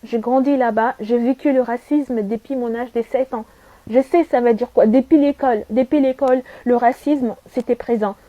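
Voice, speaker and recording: A young woman from Saudi Arabia gives an earnest personal testimony in a high, soft-toned voice. She presses her points with repetition and rhetorical questions. The sound is dry and a little dull, like a lo-fi recording. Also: fairly even intonation, moderate pace, no room sound. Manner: earnest and emphatic, repeats herself, asks rhetorical questions. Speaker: vlogger giving testimony.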